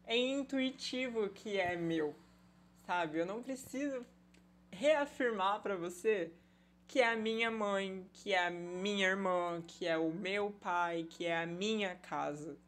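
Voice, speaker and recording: A woman teaching a basic Mandarin class online. She explains patiently, checks in with "tá?", and slows down to model the Chinese words. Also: medium pitch, a little hiss or hum. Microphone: recorded online class.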